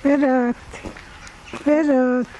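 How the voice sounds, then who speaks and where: Woman with a high voice, slow soft coaxing, noisy home recording. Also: little pitch movement, muffled recording. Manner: soft, pleading, repetitive coaxing. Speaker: caregiver soothing a crying baby. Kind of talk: home video chatter.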